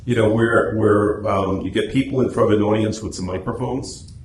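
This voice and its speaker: A man with a lowish, steady, slightly mellow voice gives an informal club talk and discussion in a meeting room at normal speed, explaining things through anecdotes. He's a guest speaker and an officer of a radio drama society, recorded in an echoey room with faint background noise.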